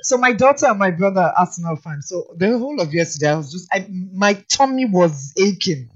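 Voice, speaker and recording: A man in his fifties, co-hosting a radio show with teasing, animated banter. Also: high voice, fairly quick, highs cut off. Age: 50s. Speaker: radio co-host.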